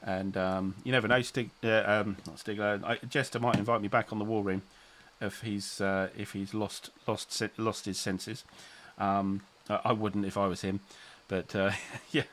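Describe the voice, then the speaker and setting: A middle-aged man hosts a relaxed chat stream, his voice sitting on the low side. He rambles, backtracks, and restarts his sentences. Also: normal speed, hardly any pauses, a little hiss or hum. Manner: rambling, self-interrupting, chuckling. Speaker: channel host. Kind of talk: casual livestream chat.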